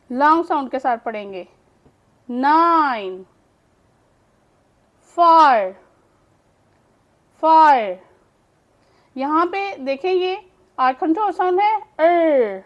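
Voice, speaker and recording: A woman's voice: sits high, dull audio. A woman English teacher giving a phonics lesson, patiently explaining and repeating each word aloud for practice. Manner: patient explaining, mixes English words into speech.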